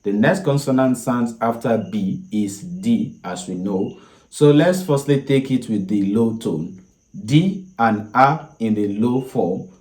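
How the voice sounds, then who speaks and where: A young man with a Nigerian accent gives a language lesson as an instructor, practicing tones. His pace is slow and his pitch sits mid-range. The room adds a noticeable echo to his voice. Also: lively intonation, darkish tone. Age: young adult. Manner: practicing tones, sounding out syllables one by one. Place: small indoor room. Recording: echoey room.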